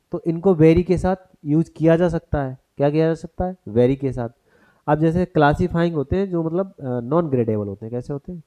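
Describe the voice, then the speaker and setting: A man's voice: fairly high pitch, warm tone. A man teaching a grammar lesson for exam prep, who turns each point into a question for the class and mixes English terms into his explanation.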